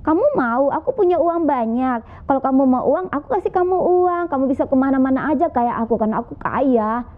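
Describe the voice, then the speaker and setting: A woman's voice: sits high, animated, brisk, voice pushed up. A woman voicing a lonely rich young man, asking anxious questions and pleading. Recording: tinny phone-like sound.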